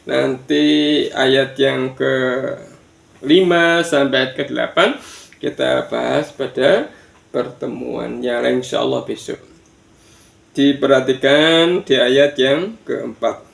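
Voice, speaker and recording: A man teaching children Quran recitation in a slow online lesson, counting aloud and drilling chanted verses. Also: mid-range voice, vocal fry. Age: older. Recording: echoey room.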